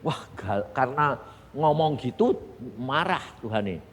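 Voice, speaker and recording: A man with a Javanese accent preaching a sermon and telling his own testimony, swinging from hushed asides to loud exclamations. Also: mid-range voice, lively intonation, moderate pace. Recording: long hall reverb, faint background noise.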